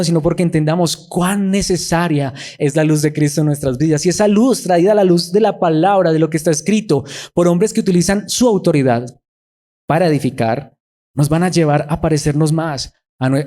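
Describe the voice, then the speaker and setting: A man's voice: on the high side, darkish tone. A man preaching a sermon as pastor to his congregation, earnest, with his emphasis rising and falling. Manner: earnest, rises and falls in emphasis.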